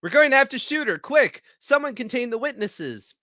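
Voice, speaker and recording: A man reading a story aloud, voicing an unseen man who frantically shouts orders. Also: extremely high pitch, expressive, moderate pace, no room sound, studio quality, voice pushed up, exaggerated voice. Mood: frantic.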